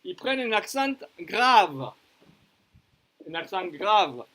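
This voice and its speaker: A man teaching a lesson on verb conjugation, slowly repeating and spelling out each form. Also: high-pitched, sing-song, pushed and bright. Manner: slow and deliberate, repeating and spelling out forms; switches between French and Spanish explanations. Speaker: French teacher.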